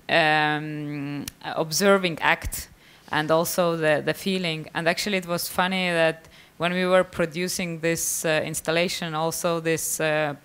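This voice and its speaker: A woman from Estonia, giving a live conference talk in a halting way, full of fillers and restarts. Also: sits low, fairly bright tone, clean tone. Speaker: conference presenter, artist.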